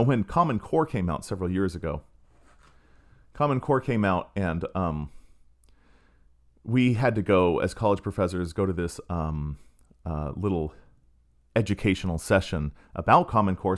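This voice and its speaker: A middle-aged man with a fairly low voice that swings widely in pitch as he talks. He tells stories in a sardonic, self-aware way, like a podcast host riffing on his own cynicism. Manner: sardonic, storytelling with acted quotes. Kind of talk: casual monologue.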